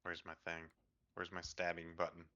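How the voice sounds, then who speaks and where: A man's voice: low-pitched, completely flat delivery, normal speed, bright, forceful tone. A man talking casually as a tabletop game player, sounding unsure and asking questions. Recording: dull lo-fi voice recording.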